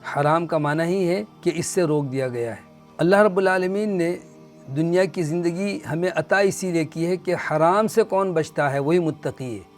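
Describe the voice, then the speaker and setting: A man giving a religious lecture on the Quran, explaining earnestly and reciting Arabic verses slowly. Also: a little high, soft background music. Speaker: Quran teacher.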